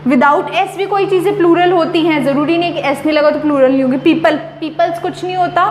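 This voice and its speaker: A woman's voice: very high voice, a little fast, roomy sound, slight background noise. A woman teaching English grammar in a chatty, emphatic way, slipping English phrases into her explanations. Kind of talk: casual explanatory lesson.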